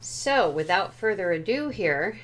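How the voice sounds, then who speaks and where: A woman speaks in a lowish, unhurried voice as she walks through a tarot deck at home. She is careful and tentative and often hedges on how a word translates. Her pace stays slow and deliberate throughout. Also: lively intonation. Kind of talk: unhurried show-and-tell walkthrough.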